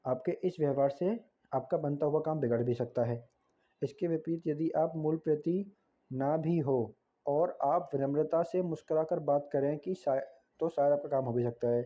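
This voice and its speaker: A man's voice: a little high, moderate pace, highs cut off. A man teaching a lesson in a casual, explanatory way, often asking "right?" and correcting himself as he goes. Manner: conversational, frequent tag questions and self-corrections. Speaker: tutor.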